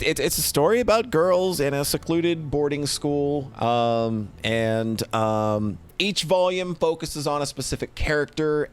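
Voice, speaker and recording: A middle-aged man with a fairly high, clear, resonant voice chats casually on a livestream while presenting a tier list. He rambles playfully and keeps repeating himself.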